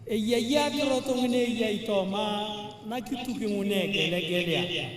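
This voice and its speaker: A man interpreting a speech live at a rally, in a measured, sometimes sing-song delivery. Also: high-pitched, slight background noise. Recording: distant echoey PA with long reverb.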